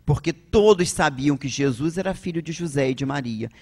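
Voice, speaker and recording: A man with a Brazilian accent giving a public religious lecture at a spiritist centre, measured and posing rhetorical questions. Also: fairly high pitch, animated, a little mellow.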